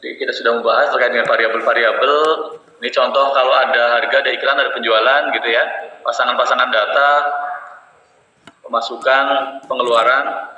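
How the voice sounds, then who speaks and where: A man's voice: medium pitch, level tone, a little fast, pushed and bright, a little hiss or hum. A male university statistics lecturer, giving a classroom lecture and explaining step by step with everyday examples. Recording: echoey classroom, dull sound.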